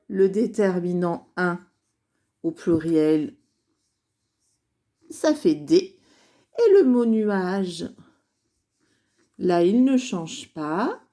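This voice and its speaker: Woman teacher for young kids, very slow and sing-song, syllable by syllable. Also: medium pitch, dark tone. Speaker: primary school teacher. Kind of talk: slow dictation lesson for young children.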